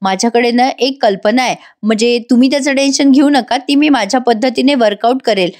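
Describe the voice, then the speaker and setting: A woman reading a calm, determined young wife. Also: on the high side, brisk, close to an everyday voice. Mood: resolute.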